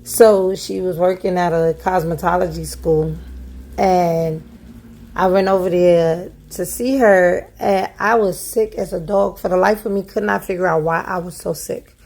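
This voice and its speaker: A woman's voice: fairly low pitch, measured pace, creaky. A young adult woman telling a personal story in a casual, chatty storytime vlog, acting out what people said and laughing at herself. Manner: chatty, animated, acts out quoted voices, laughs at herself. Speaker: vlogger telling a life story.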